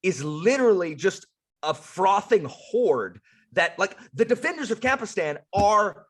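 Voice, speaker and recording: A man, a guest on a casual panel discussion, talking with animated, filler-heavy enthusiasm. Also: high-pitched, unhurried.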